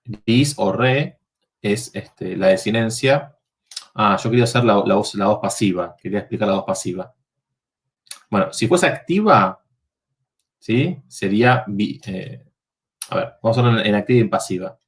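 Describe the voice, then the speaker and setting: A man's voice: lowish voice, moderate pace. Guy teaching latin class, walks through each step, keeps asking if everyone follows. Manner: explains step by step, checks with students. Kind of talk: university class workshop.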